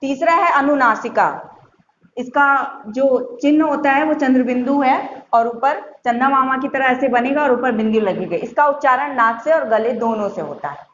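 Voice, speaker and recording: A woman teacher explaining a grammar lesson to young schoolchildren, patient, repeating points and sounding out examples slowly. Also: high voice. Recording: muffled echoey room with faint hiss.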